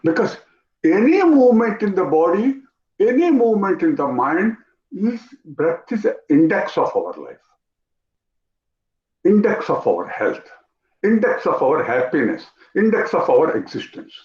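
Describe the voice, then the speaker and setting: Animated Indian man teaching yoga. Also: high voice, measured pace. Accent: Indian English. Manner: animated, repeats phrases, asks the class questions. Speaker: yoga instructor. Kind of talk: online yoga class instruction. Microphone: video call. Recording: roomy, dull lo-fi video call audio.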